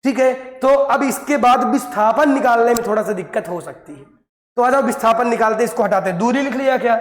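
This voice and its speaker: In an echoey, reverberant room, a male teacher gives a classroom lesson in an extremely high-pitched voice, talking a little fast. He coaxes his students along and answers his own questions.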